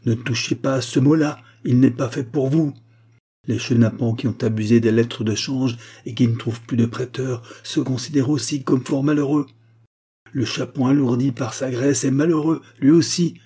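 A man's voice: mid-range voice, normal speed, warm tone, breathy edge, lightly acted. A man voicing a bitter, grieving male doctor who lashes out indignantly, hammering each word. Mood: furious, contemptuous.

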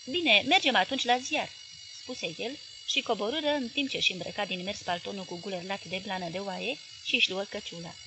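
A woman narrating a literary novel as an audiobook, reading in a measured, expressive way. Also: mid-range voice, music in the background, rough recording.

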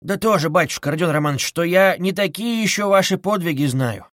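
A sly, fawning middle-aged investigator, as a male reader plays him coaxes and insinuates in a wheedling, drawn-out way. The voice sits a touch high, and the recording is dry and close. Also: a bit bright, no echo. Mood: insinuating.

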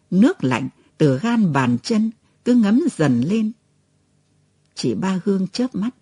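Warm, breathy woman narrating a story. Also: medium pitch, dry recording, clean studio sound.

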